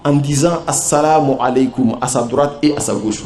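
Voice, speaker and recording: A man preaching a sermon to a gathering, pausing for the audience's responses and asking rhetorical questions. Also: medium pitch, a little mellow. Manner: measured, rhetorical questions to the crowd. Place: large gathering at a religious ceremony. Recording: echoey hall with crowd. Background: crowd.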